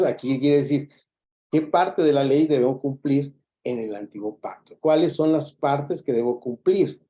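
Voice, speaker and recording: A man's voice: fairly high pitch, warm tone. A man teaching a Bible lesson in a classroom, explaining step by step, repeating key points and restarting words as he goes. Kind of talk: classroom lecture.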